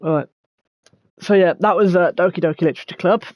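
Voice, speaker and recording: A young man with a slightly high voice hosts a casual let's-play. He reads game text aloud and trips over words now and then. The sound is close and dry, a little dull and lo-fi. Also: fast talker, no echo. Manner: stumbles over words when reading aloud. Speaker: gaming video host.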